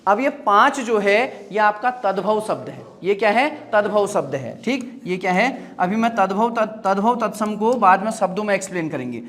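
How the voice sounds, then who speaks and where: A man's voice: sits high, animated, moderate pace, few pauses, a bit bright. A man teaching a grammar lesson. He asks the class short repeated questions and answers them himself.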